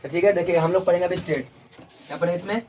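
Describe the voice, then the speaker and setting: A man's voice: sits high, racing, a little mellow, slight background noise. A man teaching an English lesson in a classroom, repeating key words and checking in with students constantly.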